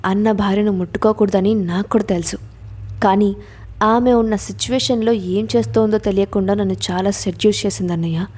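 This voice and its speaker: A wounded young man from an audio story, tied up and hurting, who stammers out excuses and then turns defiant, voiced by a woman narrator. His lines come in a soft, mellow tone at an ordinary pitch. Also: fairly even intonation, brisk, slightly rough, lightly acted. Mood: pleading. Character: injured young man, bound, defiant and pleading.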